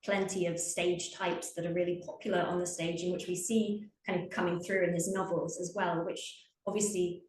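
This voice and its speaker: Low-voiced woman in an echoey room. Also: little pitch movement, moderate pace, few pauses, darkish tone. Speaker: panel speaker on Dickens's plays. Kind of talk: live panel discussion. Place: museum event room.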